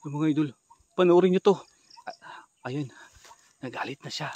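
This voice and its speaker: A man with a somewhat high-pitched voice narrates a ghost hunt live for his viewers. He is excitable and addresses them directly. He drops to hushed, nervous asides, then bursts into loud, startled shouting. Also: moderate pace, highs cut off. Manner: talks straight to viewers as "idol". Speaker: ghost hunter vlogger. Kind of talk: live ghost-hunting vlog commentary.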